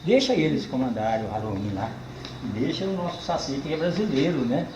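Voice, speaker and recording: An older man with a caipira accent from the São Paulo countryside, a cordel poet chatting casually with a tour group in a folksy, animated way, drawing words out for emphasis. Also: a little high, fairly quick, reverberant, highs cut off, background noise. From Brazil.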